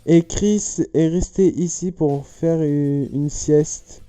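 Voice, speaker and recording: A man's voice: on the high side, steady tone, slow pace, mellow, clear, resonant tone, faint music behind. A man reading aloud a young woman suspect's alibi in a riddle, in his own plain voice. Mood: matter-of-fact.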